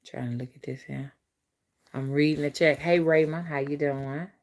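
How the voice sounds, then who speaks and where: Her voice is low, a little mellow, and fairly even in intonation, moving at a normal speed. On a relaxed spiritual live stream from her phone, this woman wanders and circles back over the same points, addressing her audience and reading their comments aloud.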